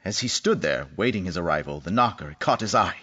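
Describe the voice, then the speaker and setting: A man's voice: sits low, expressive, a little fast, sharp tone, breathy edge, lo-fi sound. A man narrating a classic tale as scripted dramatic storytelling.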